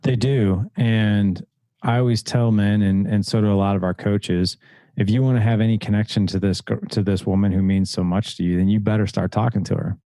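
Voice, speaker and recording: A man's voice: fairly low pitch, fairly even intonation, brisk, mellow, no room sound. A middle-aged man, a coach and podcast guest, talking earnestly and repeating his key points. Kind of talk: conversational podcast interview.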